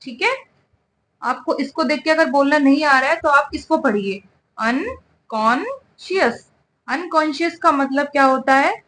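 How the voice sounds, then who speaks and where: A woman's voice: high voice, moderate pace, a bit bright, slight background noise. A woman teaching English vocabulary, spelling words out letter by letter and checking in with "ठीक है" over and over. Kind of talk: spoken English lesson.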